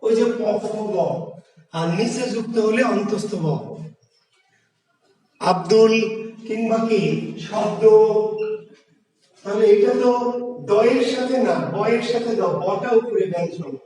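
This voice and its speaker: A man with a high voice and a Bangladeshi Bengali accent teaches an online grammar class. He works through each point step by step and keeps asking his students questions. He sounds set back from the mic in a room with a long, ringing echo. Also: unhurried, pauses often, dark tone, far from the mic. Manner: explains step by step, often asks the class questions.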